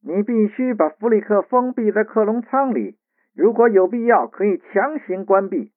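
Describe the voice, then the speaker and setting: A man's voice: high voice, lively intonation, normal speed, pitched above the performer's own voice. A man voicing a stern male lord who gives urgent commands over a radio channel. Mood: urgent commanding. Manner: demanding, urgent. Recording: tinny radio line.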